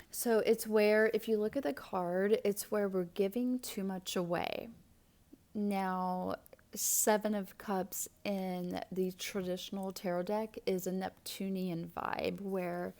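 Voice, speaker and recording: A woman talks through a tarot card reading in an easygoing, chatty way, full of fillers and little whispered asides. Her voice is dark and mellow with a gravelly fry running through it, and she takes her time. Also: medium pitch. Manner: slow, thoughtful delivery with fillers. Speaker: tarot and astrology reader. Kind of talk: casual spoken tarot reading.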